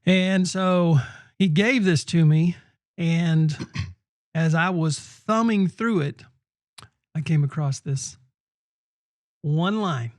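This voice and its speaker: High-voiced pastor hosting a casual podcast. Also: male voice, slow pace, long pauses, dry recording. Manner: relaxed, storytelling, laughs easily. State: voice a bit off today.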